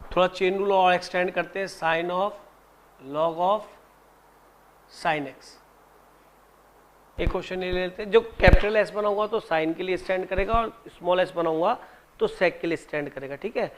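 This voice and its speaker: A male maths teacher with a high voice lectures a class. He slows down to spell out each formula and breaks off now and then to tease students who are not paying attention. A faint hiss sits under the recording. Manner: scolding, joking asides to students; slow, spelled-out dictation of formulas.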